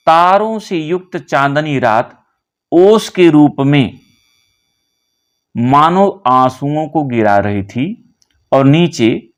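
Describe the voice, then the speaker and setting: A man teaching a poem line by line, slowly glossing word meanings one by one. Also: fairly high pitch. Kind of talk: line-by-line poem explanation lesson.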